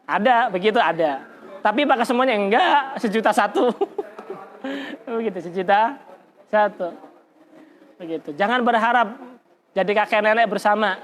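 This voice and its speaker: A man's voice: high-pitched, animated, moderate pace, long pauses, a bit bright. Man teaching religion, teasing. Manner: casual, teasing, laughs often, rhetorical questions. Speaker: Islamic teacher. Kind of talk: religious study lecture.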